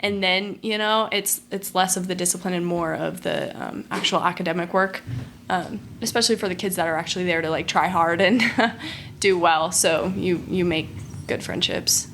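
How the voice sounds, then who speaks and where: A woman's voice: on the low side, steady tone, normal speed, a bit bright, slight background noise. A young adult woman talking as a podcast guest in casual chat, chatty and full of filler words.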